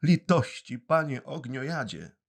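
A man voicing a little wooden puppet boy with a high, tearful, imploring voice. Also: sing-song, a little slow, a bit bright. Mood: pleading.

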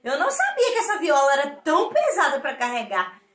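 A woman's voice: high voice, wildly swooping pitch, fairly quick, fairly bright tone, exaggerated voice. A woman with a Brazilian accent voicing a grumpy, boastful male vulture musician in a children's story, in a mock-stern, scolding tone. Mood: gruff. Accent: Brazilian Portuguese. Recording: echoey room.

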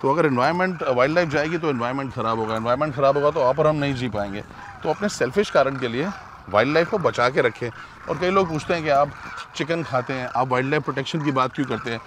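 A middle-aged man hosting a travel show outdoors, earnest and sometimes hushed, speaking on a lapel mic with bird calls and outdoor noise behind him. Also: medium pitch, quick pace. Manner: earnest, hushed at times, moralizing. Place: outdoors at a desert bird site. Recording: outdoor noise, birds calling.

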